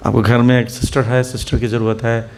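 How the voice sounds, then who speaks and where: A man's voice: mid-range voice, little pitch movement, brisk, darkish tone, slight background noise. A man preaching to a seated audience, telling anecdotes, acting out the people in them and asking rhetorical questions. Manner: storytelling, acts out the people in his anecdotes. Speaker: spiritual teacher. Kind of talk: Hindi sermon to a seated audience, mixing English words.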